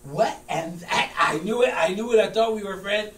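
A man's voice: sits high, moderate pace, a bit bright. A man acting out a stubborn, muddled, easily riled basketball coach in an argumentative comedy scene. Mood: indignant. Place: large room with small stage, indoors. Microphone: far camera. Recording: distant, echoey room with hum and noise.

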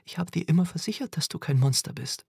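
Audiobook: man doing a desperate mother, high and pleading, husky edge. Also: animated, quick pace, a little mellow, no echo, studio quality, exaggerated voice. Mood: stammering. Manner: pleading, sobbing, stammering. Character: frightened grieving mother, woman pleading with son. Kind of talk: audiobook character voice.

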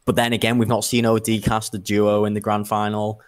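A man's voice: lowish voice, completely flat delivery, fairly quick, no echo, clean studio sound. A man co-hosting a casual gaming podcast, thinking aloud as he talks. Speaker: podcast co-host.

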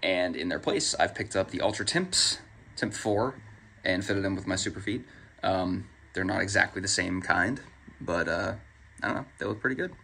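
With slight background noise, a young man vlogging his long-distance hike speaks to camera from a mountain trail, phone held at arm's length. His voice sits low but is bright and forceful, expressive, with vocal fry at a normal pace. His tone is wry and self-mocking, a casual trail vlog.

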